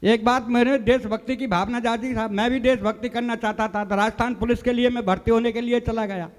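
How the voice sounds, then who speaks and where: Guy doing comic poetry on a stage mic, high voice, long hall echo. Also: steady tone, brisk. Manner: storytelling with quoted dialogue, addressing the audience as sahab. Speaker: comic poet. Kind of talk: stand-up comic poetry recitation. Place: stage of a live poets' gathering.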